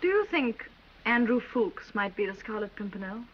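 A woman's voice: mid-range voice, lively intonation, moderate pace, lightly acted. A woman playing a proud English noblewoman, cool and reproachful toward her husband, in 1930s film acting. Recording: dull 1930s film soundtrack with faint hiss.

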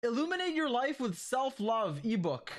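A male game streamer talks casually to his viewers in a high voice. His pitch swings widely as he teases, swears and jumps from joking shouts to low mutters. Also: big pitch swings, normal speed. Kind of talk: casual livestream chat with viewers.

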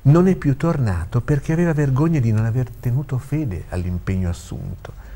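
A man voicing an elderly, authoritative father who speaks in a measured, gently instructing way, in a read-aloud story. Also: medium pitch, lively intonation, pitched above the performer's own voice.

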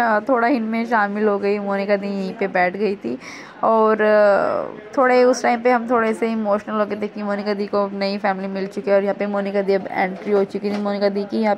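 A young woman vlogger narrating her sister's engagement clips in a chatty, casual way, often repeating "so guys". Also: mid-range voice.

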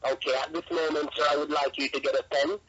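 Rushed scripted telemarketer man on the phone. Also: fairly high pitch, little pitch movement, noisy background. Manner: rushed, insistent, repetitive scripted telemarketer patter. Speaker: telemarketer (scam caller). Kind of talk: scripted phone sales pitch. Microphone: telephone. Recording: muffled telephone call audio.

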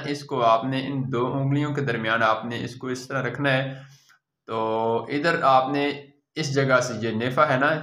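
A man's voice: mid-range voice, fairly bright tone, reverberant. A man, patiently walking viewers through ironing step by step and checking in after each one. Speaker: tailor teaching ironing. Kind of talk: step-by-step how-to demonstration.

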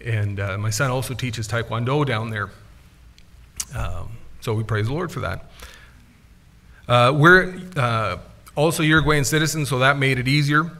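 Speaking a little slowly and pausing often, a middle-aged missionary uses a bright, forceful, mid-range voice for his casual report. He stands at a wooden pulpit in a church sanctuary, gesturing as he chats along with many "uh" fillers. He's captured on a pulpit microphone with a far camera.

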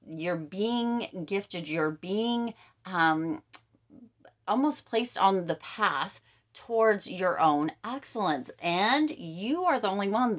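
A woman giving a casual tarot reading straight to the viewer, upbeat and emphatic, often repeating her catchphrases. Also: fairly low pitch. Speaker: tarot card reader.

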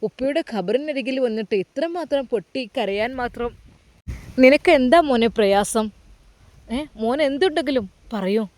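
Fields. Figure: woman-voiced old mosque caretaker, fatherly and fussing. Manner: coaxing, questioning, pitch pushed a little above her own. Sound: dry and close. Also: animated, moderate pace, a little mellow, no room sound. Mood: pleading concern. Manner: coaxing, repeats tender address, many questions.

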